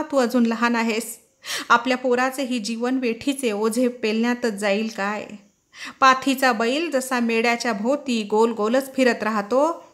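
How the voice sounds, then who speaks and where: A poor laborer father speaks in a sad, pleading way, read by a woman narrator. The voice sits fairly high and stays gentle.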